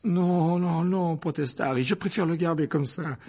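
A man's voice: on the high side, a little fast, slightly rough, pitched above the performer's own voice. A man reading an audiobook, voicing an injured schoolboy who pleads desperately in a raised voice. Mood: pleading.

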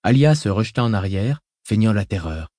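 A man narrates a story in a measured, dramatic way. His voice sits on the low side, and the recording is close and dry, with no room sound. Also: animated, dark tone, no echo. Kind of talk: scripted audiobook narration.

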